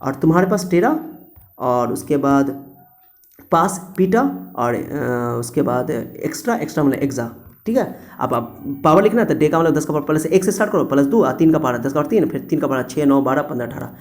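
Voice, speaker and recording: A man's voice: a little high, lively intonation, fairly quick. A young man teaching students a memory trick in a chatty way, acting out little voices in his story.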